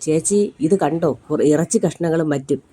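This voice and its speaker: A woman's voice: low-pitched, moderate pace, dark tone, slight background noise, lightly acted. A woman voicing an anxious young woman who speaks in an earnest, pleading way.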